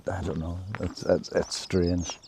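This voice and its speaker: A travel vlogger talks to camera while hiking outdoors, his low, gravelly voice flat and unhurried. He rambles and hesitates, restarting many times. Background noise is present throughout.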